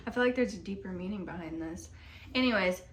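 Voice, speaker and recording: A woman's voice: medium pitch, fast talker, a little hiss or hum. A young woman co-hosting a podcast, chatting casually in a reflective, teasing way and saying "like" often. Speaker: podcast co-host. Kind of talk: casual chat. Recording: echoey room.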